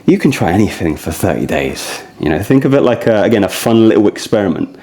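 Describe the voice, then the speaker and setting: Here a fitness vlogger, a man of about thirty-one to thirty-three, walks his audience through a core routine in loose, chatty talk to camera. His voice runs low, dark and sing-song, and he speaks fast.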